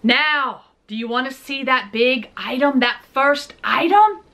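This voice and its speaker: A woman's voice: high voice, measured pace, bright, forceful tone. A woman in her forties hosting a casual shopping haul vlog, chatty and jokey, talking straight to her viewers. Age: 40s. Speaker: vlog host.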